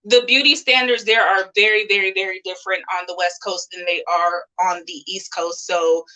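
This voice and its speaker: A woman's voice: mid-range voice, steady tone, normal speed, pushed and bright, rough recording. A woman interviewing in a casual live chat over a video call, talking in a rambling way with lots of "like".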